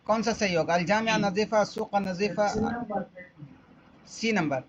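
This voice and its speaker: A man's voice: high voice, crowd noise. A man teaching Arabic through an exam paper, explaining step by step and repeating each question. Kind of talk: exam-paper walkthrough lesson. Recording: dull lo-fi audio, faint background noise.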